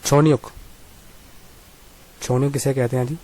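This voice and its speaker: A man teaching a Korean reading lesson, reading sentences slowly and repeating them, then asking and answering his own questions politely. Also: medium pitch, fairly even intonation, warm tone, slight background noise. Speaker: language teacher.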